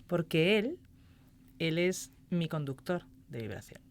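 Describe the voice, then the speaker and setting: A woman's voice: lowish voice, expressive, slow. A woman, a music therapist chatting as a podcast guest, telling stories and acting out quoted dialogue. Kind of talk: casual podcast interview.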